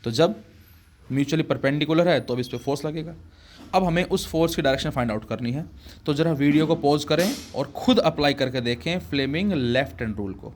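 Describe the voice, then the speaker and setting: A man teaches a physics lesson in a classroom, explaining slowly and calling his students children, mixing words into his speech. His voice is a little high, and there's a slight hiss or hum.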